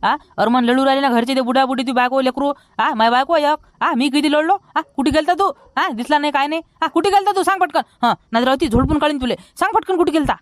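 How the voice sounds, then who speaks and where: A man playing a high, quick scolding villager. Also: no room sound. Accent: Vidarbha Marathi. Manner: scolding, rapid and loud. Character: fussy broke village man, always scolding. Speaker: villager in comedy sketch. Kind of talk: rustic comedy sketch acting.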